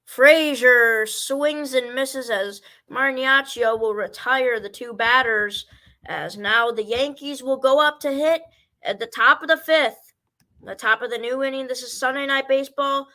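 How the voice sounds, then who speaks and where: A man's voice: very high-pitched, a little slow, pushed and bright. A man doing amateur baseball play-by-play commentary, rambling and stumbling over player names.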